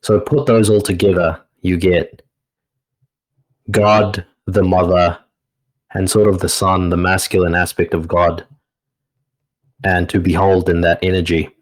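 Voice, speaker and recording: This is a New man who teaches meditation, talking in a deep, slow, measured voice. He answers unscripted questions reflectively, stopping often to gather his thoughts before he goes on. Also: level tone, rough recording. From New Zealand.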